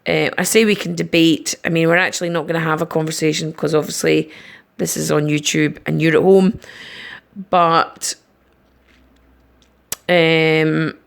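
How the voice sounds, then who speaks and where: A woman teacher giving a recorded online lesson, patiently explaining each step slowly. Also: sits low, level tone, vocal fry. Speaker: primary school teacher.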